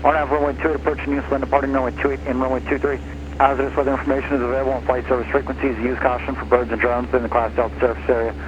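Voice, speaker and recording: A male voice reels off an airport weather broadcast at a brisk clip, every number in the same level, unvarying tone. It comes through a muffled cockpit radio with dulled highs. Steady engine drone sits clearly underneath. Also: noisy background. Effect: airport weather broadcast heard over cockpit radio. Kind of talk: recorded information broadcast.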